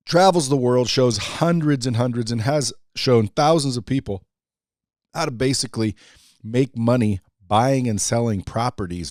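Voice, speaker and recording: A man's voice: medium pitch, darkish tone, no echo, studio quality. A man hosting a casual podcast, brash and hyped, swearing casually as he talks up his guest. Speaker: podcast host.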